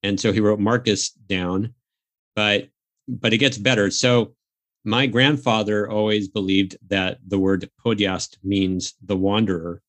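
A man's voice: fairly low pitch, fairly even intonation, unhurried, dry recording. A man hosting a podcast, talking casually and telling stories in an upbeat, chatty way. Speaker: podcast host.

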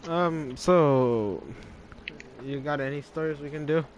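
A man's voice: fairly high pitch, slow, slight background noise. A young man co-hosting a casual podcast, joking and teasing his friends. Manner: joking, teasing, laughs often. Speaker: podcast co-host. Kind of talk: casual chat.

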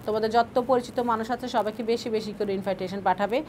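Fast-talking woman teaching class. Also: medium pitch, fairly even intonation, a little mellow, a little hiss or hum. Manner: asks questions then answers them herself; patient, repeats key points. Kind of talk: online class lesson.

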